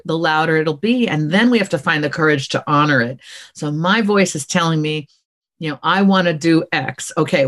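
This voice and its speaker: A middle-aged woman, an author and former dean, answers interview questions in a lively, encouraging manner with a fairly low voice. She acts out little quoted voices and often checks in with "okay?".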